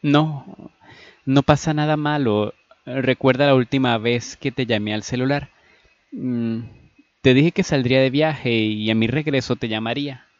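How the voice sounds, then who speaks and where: Un hombre dando voz a un joven galán seguro de sí, que habla con calma y soltura. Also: male voice, medium pitch, a little slow, dry recording, lo-fi sound, pitched above the performer's own voice, natural voice. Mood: charming. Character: James/Terrence, charming young man, confident and smooth.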